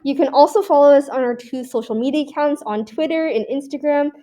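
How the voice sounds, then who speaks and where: A teenage girl with a high but mellow voice reads through a student presentation. She keeps it even and matter-of-fact, with a dry aside here and there. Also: brisk. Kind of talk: reading a scripted class presentation.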